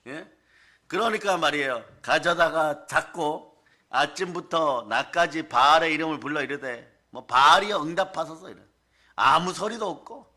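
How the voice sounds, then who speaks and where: Male pastor, sermon, emphatic and chatty, somewhat high voice. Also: sharp tone. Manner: emphatic, colloquial, asks the congregation for responses.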